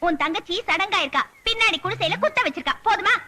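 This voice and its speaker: A woman's voice: extremely high pitch, animated, fast. A bold village woman. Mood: curt. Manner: blunt, matter-of-fact. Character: bold young village woman, sharp-tongued. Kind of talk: film dialogue. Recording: film soundtrack with music behind. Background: music.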